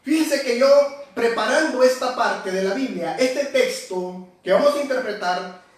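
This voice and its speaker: A man with a very high voice preaches a sermon and explains each word with care, often calling out to his listeners. He is heard from some way off the mic, and his voice rings through a very echoey church hall. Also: measured pace, far from the mic. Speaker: pastor.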